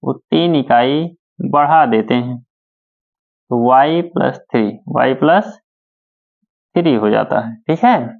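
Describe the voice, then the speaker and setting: A man's voice: mid-range voice, lively intonation, creaky. A male math teacher, working through problems step by step and asking questions back to his students. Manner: slow, repeats steps and asks questions back to students. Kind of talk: board-work math lesson. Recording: dull lo-fi sound.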